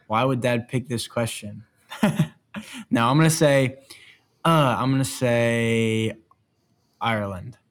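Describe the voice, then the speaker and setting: A man's voice: medium pitch, slow, pauses often. A young man answering his dad's trivia questions, thinking aloud in a playful, exclaiming way. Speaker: quiz contestant. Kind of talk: casual family trivia chat.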